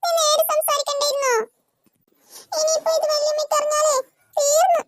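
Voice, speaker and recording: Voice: very high-pitched, level tone, brisk, a bit bright, slight background noise. A performer voicing a bossy young girl in a cartoon who scolds her little brother.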